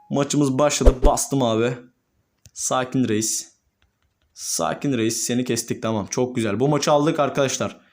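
A young man, a gaming YouTuber, commentating his own gameplay and swinging between calm murmurs and excited shouts. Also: mid-range voice.

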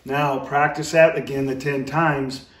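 A man's voice: mid-range voice, little pitch movement, measured pace, very noisy. A middle-aged man giving a casual, folksy, rambling instructional demonstration as a calling coach. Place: indoor room with brick fireplace. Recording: roomy, echoey, distant microphone.

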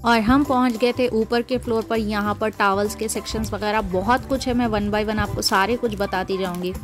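A woman's voice: mid-range voice, steady tone, normal speed. Woman filming a store tour on a handheld cam, talks prices nonstop, music playing. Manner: chatty, explains prices as she walks. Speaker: vlogger. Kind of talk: walk-through shopping vlog narration. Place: indoor shopping store. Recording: background music.

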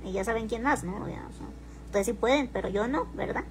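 A woman's voice: fairly high pitch, fairly quick, noisy background. A woman chatting casually on a stream, teasing and defensive, with crude slang. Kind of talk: casual livestream talk.

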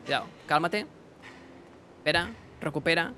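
A young man giving casual let's-play commentary, excitable, talking to himself and his chat with bursts of yelps. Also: fairly high pitch, normal speed. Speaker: gaming streamer.

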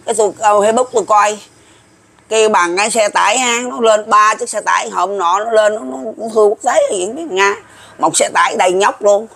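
A man's voice: sits high, brisk, vocal fry, fairly bright tone. A man in his seventies with a Southern Vietnamese accent, talking to viewers in a rambling, folksy way and repeating himself. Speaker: folk prophecy commentator. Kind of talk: casual monologue to viewers.

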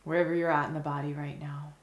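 Leading a guided meditation, a woman with a low voice speaks gently and evenly, letting long pauses settle between calming lines. Her voice echoes noticeably in a roomy-sounding space.

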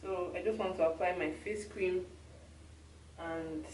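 A woman's voice: fairly low pitch, measured pace. A young Nigerian woman with a Nigerian accent, chatting casually to her camera in a hotel room. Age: young adult. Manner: chatty and relaxed, loose run-on talk. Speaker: vlogger. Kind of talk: casual vlog talk to camera. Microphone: handheld camera mic at arm's length. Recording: roomy with clear background noise.

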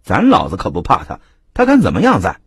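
A man's voice: lowish voice, huge pitch swings, fairly quick, vocal fry, breathy edge, dry recording, studio quality, exaggerated voice. A man voicing a proud, hot-tempered male patron who blusters in anger. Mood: indignant.

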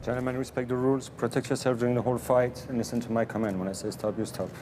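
A middle-aged man giving brisk fight instructions as a referee. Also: mid-range voice, flat delivery. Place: large indoor fight cage. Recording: noisy arena, picked up through microphone.

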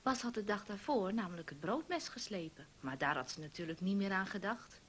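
A woman narrating a story for children, gently asking the young listener questions. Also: mid-range voice, lively intonation, brisk, a little hiss or hum.

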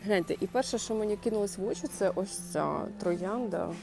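A woman's voice: mid-range voice, lively intonation, a little fast, gravelly, darkish tone, soft background music. A woman chatting to her viewers while browsing a clothing and home goods store, thinking aloud in a casual shopping vlog. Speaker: shopping vlogger.

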